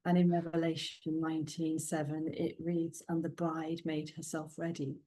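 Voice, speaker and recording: This guest author, a middle-aged native Welsh speaker from South Wales, has a low, monotone voice and a Welsh accent, and she speaks at normal speed. Her casual interview chat is warm and talkative, full of laughs and frequent ums.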